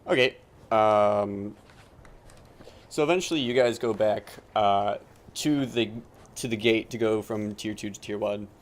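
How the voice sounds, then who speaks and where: A man's voice: fairly low pitch, a little slow. A man running a tabletop game as game master, talking casually with lots of fillers and laughs. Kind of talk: narrating a tabletop game on a livestream.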